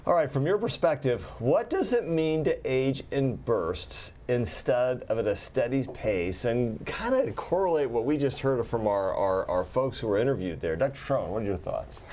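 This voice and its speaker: A man's voice: mid-range voice, big pitch swings, moderate pace, hardly any pauses, darkish tone, slight background noise. A man in his sixties hosting a health talk show in a chatty way, with jokey asides. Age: 60s. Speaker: host.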